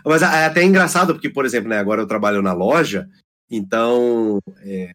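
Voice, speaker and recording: A man with a strong rural Brazilian R, telling a story as a podcast guest in a chatty, animated way and acting out the quoted lines. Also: medium pitch, a little fast. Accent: Brazilian countryside, strong rolled R. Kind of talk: casual chat.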